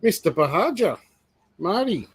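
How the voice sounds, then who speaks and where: Speaking at a measured pace but very animated, a man with a high, slightly breathy voice co-hosts a reptile breeding livestream. He rambles through stories in a casual, filler-heavy chat, captured on a rough recording.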